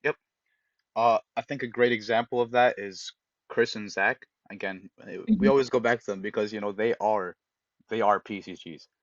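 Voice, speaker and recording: A man with a low voice co-hosts a casual podcast and gives eager, direct advice. The audio is dry and dull, like a lo-fi call. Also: normal speed, no echo. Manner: animated, giving direct advice, acts out example voices. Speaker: podcast co-host.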